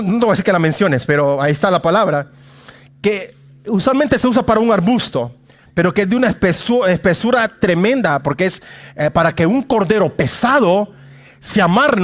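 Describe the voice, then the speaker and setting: A pastor with a high voice preaches a sermon in church, addressing his congregation directly. He mixes in casual humor and swings dramatically between loud calls and hushed asides.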